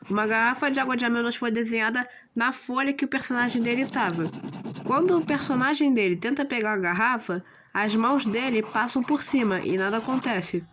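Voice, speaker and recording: A woman's voice: fairly high pitch, fairly quick, background noise. A woman with a Brazilian accent and a slightly odd, swollen sore-throat voice, narrating a scripted explainer with casual asides. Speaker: video narrator explaining fictional lore.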